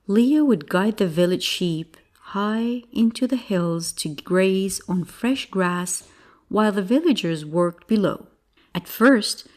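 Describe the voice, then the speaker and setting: A woman narrates a children's bedtime fable at an unhurried pace. Her voice rises and falls in a lively way as she tells the story gently and expressively. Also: medium pitch.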